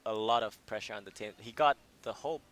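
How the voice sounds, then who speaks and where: A man's voice: lowish voice, fast, fairly bright tone. A young man casting a student esports match live, breaking down team picks and often restarting his phrases as he thinks aloud. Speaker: esports caster. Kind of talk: live game commentary.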